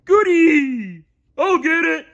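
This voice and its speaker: Patrick Star, a squeaky dim starfish. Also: male voice, very animated, normal speed, highs cut off. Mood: whiny excited. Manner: high, shouty, whining put-on voice. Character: dim, excitable male starfish, whiny and loud. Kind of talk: storybook read-aloud.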